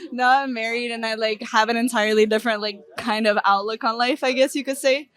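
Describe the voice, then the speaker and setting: A woman's voice: on the high side, steady tone, quick pace, a bit bright. Chatty young woman from Russia. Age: young adult. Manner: chatty, heavy use of "like", laughs often. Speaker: interviewee. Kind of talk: casual chat. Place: outdoors in a city park.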